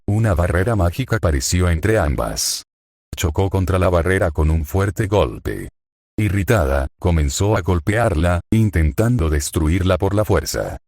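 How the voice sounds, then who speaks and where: A synthetic male voice narrating a fan-fiction story in an even reading, speaker tags and notes read aloud. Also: sits low, dry recording, clean studio sound.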